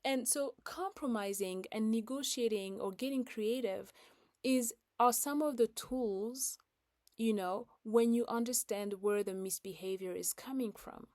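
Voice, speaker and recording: A woman's voice: on the high side, measured pace, darkish tone, dry recording, clean studio sound. A woman in her thirties speaking casually about parenting, with many fillers and acted-out quotes. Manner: conversational with fillers, acts out quoted lines. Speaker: parenting educator. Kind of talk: casual talk.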